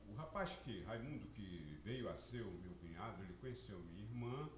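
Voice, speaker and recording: Lively older Northeastern-born man, roomy sound. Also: fairly low pitch, moderate pace. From Northeast Brazil (Campina Grande). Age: 70s. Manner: reminiscing, lively storyteller. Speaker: veteran radio announcer, guest. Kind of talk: casual storytelling chat. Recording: roomy podcast studio, faint background noise.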